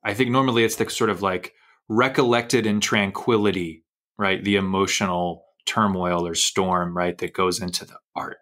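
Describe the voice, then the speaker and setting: Male podcast host, a little low in pitch, chatty and animated, wanders through his anecdotes. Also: moderate pace. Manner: animated, rambling storyteller. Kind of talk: conversational interview.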